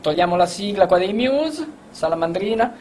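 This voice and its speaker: Male co-host, strikingly high voice, casual banter, noisy radio recording. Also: expressive, moderate pace, darkish tone.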